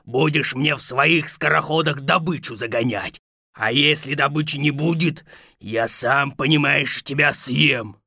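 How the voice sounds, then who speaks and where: A greedy, swaggering fairy-tale wolf, growling and mocking with a gravelly, bright voice. The recording is close and dry, like a studio audio story. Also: male voice, fairly high pitch, measured pace, no echo, heavily acted. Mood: menacing.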